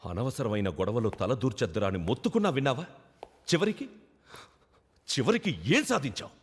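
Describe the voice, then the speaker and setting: A man's voice: medium pitch, huge pitch swings, brisk, slight background noise. A middle-aged actor playing a stern father who lectures his son reproachfully. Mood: scolding. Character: stern scolding father of a young athlete. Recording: film soundtrack, reverberant.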